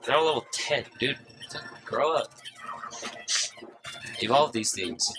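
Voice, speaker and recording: In a small room lit by a side window, a young YouTuber with a mid-range, slightly nasal, stuffed-up voice jokes and swears his way through a casual Let's Play, game music playing beneath. He speaks slowly but forcefully, with a bright tone and lively intonation.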